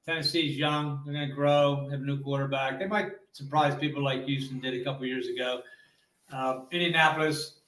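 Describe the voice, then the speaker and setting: A man's voice: medium pitch, little pitch movement, brisk, fairly bright tone, a little hiss or hum. A man with a mid-range voice gives plain, matter-of-fact takes. His voice carries a noticeable room echo around it. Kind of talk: casual podcast chat. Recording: roomy echo.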